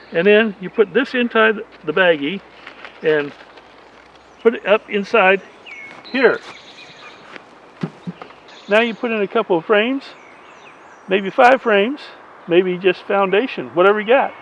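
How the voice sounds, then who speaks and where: A man's voice: high-pitched, a bit bright, slight background noise. A man in his eighties, a beekeeper, chatting in a rambling, folksy way through an outdoor how-to video. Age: 80s. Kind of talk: casual how-to vlog. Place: outdoors in a rural yard. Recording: slightly dull lo-fi sound.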